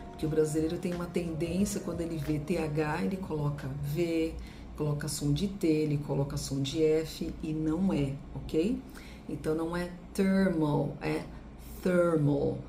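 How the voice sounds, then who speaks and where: A Brazilian woman teaching English pronunciation, drilling words with deliberate, exaggerated repetitions. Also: deep voice. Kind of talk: pronunciation lesson.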